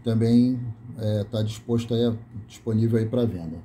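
Man listing old tape labels, dark voice. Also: on the low side, steady tone, normal speed, a little hiss or hum. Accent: Brazilian Portuguese. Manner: reads tape labels aloud in a list, self-correcting. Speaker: video host showing a collection of VHS tapes. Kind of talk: casual off-camera commentary. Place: small room indoors.

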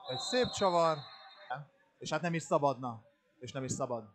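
A man giving live play-by-play commentary on water polo. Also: on the high side. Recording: steady pool-hall noise behind the voice. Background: indoor pool ambience.

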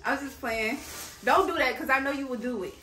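Female vlogger, American, high voice, casual and expressive, playful slang. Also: fairly quick, echoey room, soft background music, rough recording. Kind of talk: casual chat to camera.

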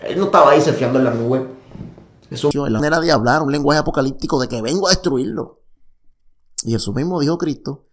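A man teaching a casual Bible study, reading verses aloud and explaining them with lively, repetitive asides. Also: fairly high pitch, fast talker.

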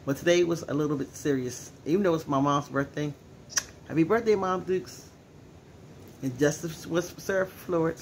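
A man's voice: fairly high pitch, moderate pace, slight background noise. A teary-eyed man speaking earnestly at home in a casual personal vlog, repeating himself as he talks. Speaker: vlogger.

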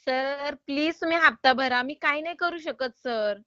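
A woman's voice: sits high, moderate pace, bright, forceful tone, no echo, muffled recording. A woman calling to collect a loan payment, polite but insistent and exasperated. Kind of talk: phone call.

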